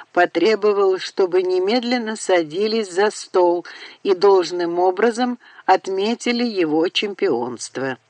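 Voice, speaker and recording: A woman narrating an audiobook in a measured, unhurried way, recorded on a close studio mic. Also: fairly low pitch, a little mellow, dry recording.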